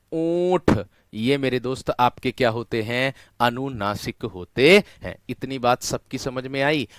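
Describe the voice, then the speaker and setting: Key words get repeated and drawn out as this man leads an online exam-prep class, regularly calling his students friends. His mid-range voice is a bit bright, clear and resonant, with no room sound.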